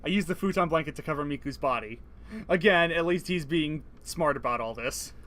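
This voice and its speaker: Briskly, a co-host with a high-leaning, slightly bright voice reads out a visual novel for a let's play. Even narration alternates with jokes and laughter between lines.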